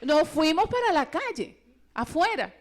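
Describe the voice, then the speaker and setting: A woman giving a personal testimony at a religious retreat, telling her story in a lively way and acting out the voices of the people in it. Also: high voice, measured pace. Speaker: retreat speaker.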